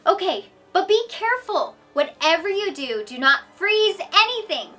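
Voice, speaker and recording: A woman's voice: very high-pitched, very animated, normal speed, pushed and bright, exaggerated voice. A woman playing a flustered princess stuck in her sister's body, catching and correcting her own slips in a live-action play-acting skit. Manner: flustered, stumbling, self-correcting.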